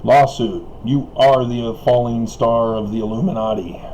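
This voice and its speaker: A man with a medium pitch and a steady, dark tone talks at a moderate pace, recorded with dull audio and a bit of hiss or hum. He's an online video commentator whose rambling solo monologue is peppered with chuckles, fillers, and restarts, and he coughs as his voice fades.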